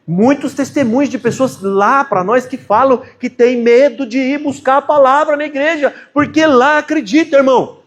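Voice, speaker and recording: Impassioned high-voiced Brazilian preacher. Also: male voice. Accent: Brazilian Portuguese. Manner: storytelling, acts out quoted dialogue, builds to impassioned emphasis. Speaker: preacher giving a conference talk. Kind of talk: conference preaching to a congregation.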